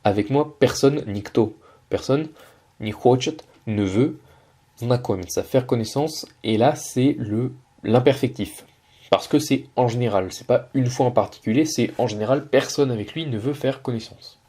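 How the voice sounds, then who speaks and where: Teaching Russian through French, this man works through a video one line at a time, patient but full of hesitations and self-corrections. His voice is medium-pitched and dark with a breathy edge, and his pace is moderate.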